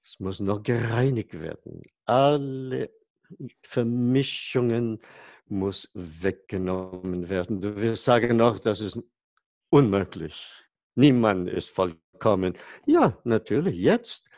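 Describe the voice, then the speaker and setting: A male preacher speaks in a lowish, creaky voice. He moves slowly and haltingly, searching for words and asking his listeners questions. The sound is dry and close. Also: lively intonation, a little mellow, dry recording. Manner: halting, searching for German words, self-interrupting; asks listeners rhetorical questions. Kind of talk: conversational sermon to congregation.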